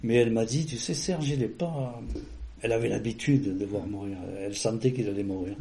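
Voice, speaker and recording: A man's voice: on the low side, brisk, dark tone. A man being interviewed, recounting a personal story in a casual, rambling way with many restarts and fillers.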